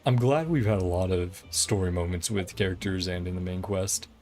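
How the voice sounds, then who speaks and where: With a deep, darkish voice at a moderate pace, a game streamer gives loose, chatty live commentary as he plays, chuckling often. Game music can be heard in the background.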